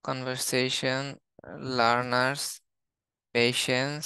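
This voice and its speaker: Bangladeshi male English teacher, slow flat word-by-word listing, bright crisp close sound. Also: mid-range voice, no echo. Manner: steady, listing words one by one. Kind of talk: reading out a word list in a lesson.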